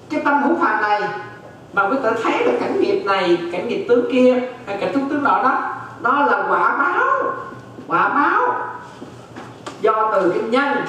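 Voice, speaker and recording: A man's voice: high-pitched, sing-song, a little slow, pauses often, sharp tone, a little hiss or hum. A man teaching Buddhist doctrine as a monk, repeating phrases and often checking that his listeners follow. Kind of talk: dharma lecture. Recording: very echoey hall, distant mic.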